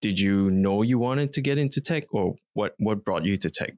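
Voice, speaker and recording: A man's voice: on the low side, moderate pace, darkish tone. A man hosting a podcast interview in an office, introducing his guest with enthusiasm. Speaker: podcast host.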